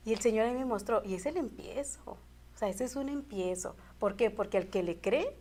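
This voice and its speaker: A woman shares an emotional faith testimony as a guest, earnest and heartfelt, often repeating and restarting phrases. Her voice is slightly high and mellow, and she talks a bit quickly.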